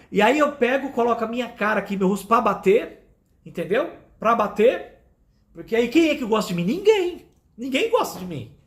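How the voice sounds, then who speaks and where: A Brazilian man preaching as a pastor, emphatic and repetitive, often calling his listeners "beloved". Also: very high voice. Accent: Brazilian Portuguese. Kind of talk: sermon.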